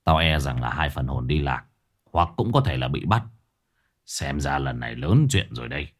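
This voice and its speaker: A man voicing a stern, gruff old male exorcist who speaks low, grave and curt. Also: very animated, normal speed, heavily acted.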